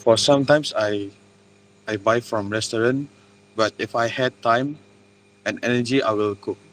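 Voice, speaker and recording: A man's voice: mid-range voice, normal speed, a bit bright, slight background noise, low-quality recording. Young man from Malaysia, plain answers. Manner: plain, with hesitations and restarts. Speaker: interviewee. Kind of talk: casual interview answers.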